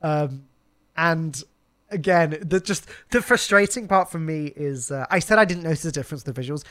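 A man's voice: fairly high pitch, normal speed, fairly bright tone, no echo, clean studio sound. A man hosting a live podcast, chatting casually, laughing often and talking with lots of fillers and restarts. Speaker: podcast host.

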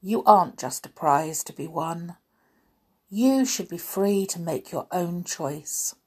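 A woman's voice: on the low side, takes it slowly, slightly rough. Aladdin, a woman voicing a charming young man. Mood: proud.

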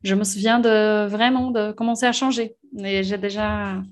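A woman's voice: mid-range voice, steady tone, normal speed. Brazilian woman speaking French, reflective. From Brazil, Minas Gerais. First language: Portuguese. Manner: reflective, repeats tag questions. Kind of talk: casual conversation.

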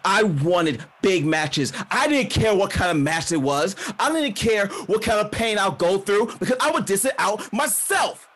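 A man voicing a proud, furious woman wrestler who calls herself a warrior goddess, shouting indignantly. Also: fairly high pitch, very slow.

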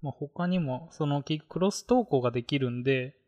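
A man's voice: on the high side, a little fast, darkish tone, lo-fi sound. Rambling Japanese man in casual tech talk. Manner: rambling, many fillers. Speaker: podcast co-host. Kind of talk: casual tech podcast chat.

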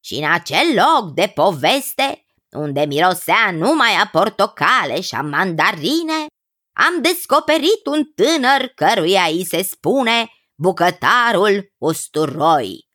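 A cheerful, food-obsessed male cousin, as a woman storyteller puts him on, gushing and stretching his words with relish. His voice jumps high and swings widely in pitch. The storybook reading is close and dry. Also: sing-song, fairly bright tone, no room sound. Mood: enthusiastic. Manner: gushing, drawn-out praise.

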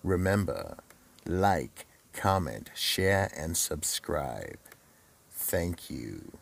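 A man playing a psychotic, sinister horror host and storyteller of an audio drama, gravelly and menacing, drawing out his words theatrically. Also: low-pitched, very animated, exaggerated voice. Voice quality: gravelly, raspy. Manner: menacing, drawn-out delivery.

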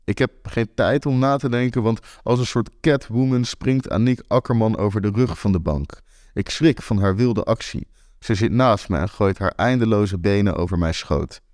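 Low-voiced man narrating wryly. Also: moderate pace, a little mellow, dry recording, clean studio sound. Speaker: author and narrator. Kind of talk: first-person storytelling narration.

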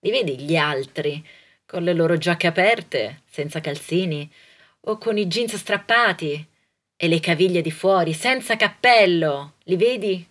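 A woman soprano delivering a comic monologue in a theatrical, ironic way. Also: unhurried. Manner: theatrical, ironic, lively swings in pitch and loudness.

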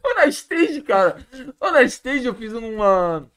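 A man's voice: very high voice, takes it slowly, smooth. Laughing man telling stories. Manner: animated, laughing and swearing while telling stories. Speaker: podcast guest. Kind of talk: casual podcast storytelling.

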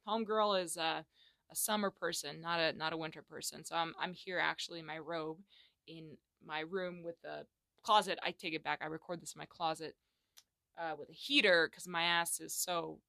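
A young woman hosting a solo podcast from her home closet, chatting candidly in slang and moving between loud bursts and hushed asides. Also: lowish voice, gravelly, dry recording. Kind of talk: casual solo podcast chat.

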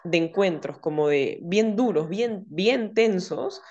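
Her voice sits on the low side and she speaks slowly, with dull audio. As a therapist in a relaxed podcast chat, she explains ideas and often acts out quoted dialogue using lively voices.

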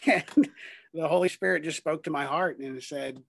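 A man's voice: a little high, brisk, gravelly, fairly bright tone, no echo. A man in his thirties, a ministry worker and guest, talking earnestly in a rambling way with many fillers and restarts. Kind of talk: conversational testimony.

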